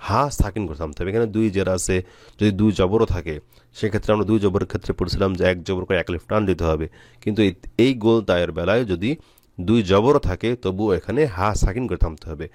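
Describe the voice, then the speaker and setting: A man from Bangladesh teaching Quran reading, spelling out letters and vowel marks one by one, then stretching out each recited word slowly. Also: low voice, a little mellow, no room sound, clean studio sound. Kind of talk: step-by-step recitation lesson.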